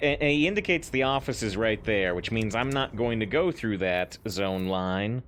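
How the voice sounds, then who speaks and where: Un uomo che commenta una partita a un videogioco in tono colloquiale, chiacchierando, leggendo i dialoghi ad alta voce e ridendo spesso. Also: male voice, on the low side, expressive, normal speed, fairly bright tone, a little hiss or hum. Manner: chatty, laughs often, reads lines aloud. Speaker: let's play host. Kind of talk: casual gameplay commentary.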